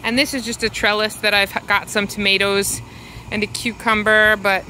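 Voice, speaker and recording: A woman walking through her suburban backyard garden, filming with a handheld phone and explaining each plant in an unhurried, fond way. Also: medium pitch, level tone, sharp tone, a little hiss or hum, rough recording. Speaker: home gardener giving a garden tour. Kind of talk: casual walking garden tour. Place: outdoors in a suburban yard garden. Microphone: handheld phone camera, speaker behind it.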